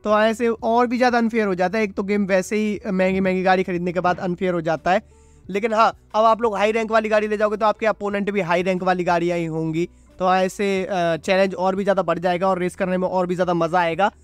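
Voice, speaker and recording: A man giving chatty, excited commentary on his mobile racing gameplay and calling himself "your brother.". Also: high-pitched, fast, no room sound. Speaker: mobile gaming YouTuber. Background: loud game music.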